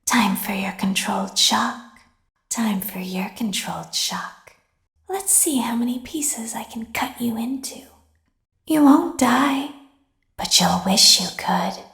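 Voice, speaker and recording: A woman voicing a sadistic, coldly seductive animatronic in a video game, in a breathy, half-whispered menace. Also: fairly high pitch, takes it slowly, fairly bright tone, roomy sound, exaggerated voice. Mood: sadistic, teasing. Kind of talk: video game character acting.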